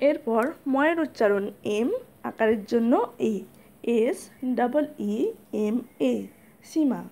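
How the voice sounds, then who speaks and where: High-pitched woman spelling names slowly. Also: dark tone. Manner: spells out letters one by one, slow and methodical. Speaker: teacher. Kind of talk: spelling lesson.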